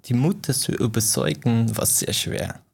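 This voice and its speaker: A young man from Iran, whose first language is Farsi, gives casual answers as an interviewee. His voice is gravelly and medium-pitched, and he speaks haltingly, searching for words and often restarting.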